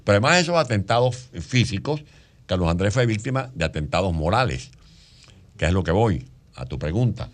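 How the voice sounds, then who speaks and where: Deep-voiced man explaining. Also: sing-song, a little fast. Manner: long explanatory answers. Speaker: guest author. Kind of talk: radio interview.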